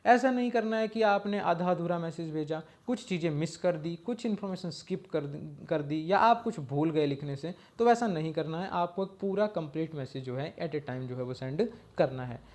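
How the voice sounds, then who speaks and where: Man, high-pitched, exam-prep teacher, lecture off slides, checks in with "okay". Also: animated, moderate pace, few pauses, darkish tone. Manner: explains step by step, often checks in with a short "okay" and reads lines out in English.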